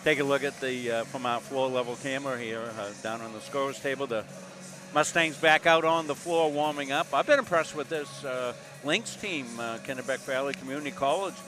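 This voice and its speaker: A Massachusetts man in his sixties calls a college basketball game courtside as play-by-play announcer, folksy and rambling with plenty of filler words. His mid-range voice moves a little fast, with music in the background.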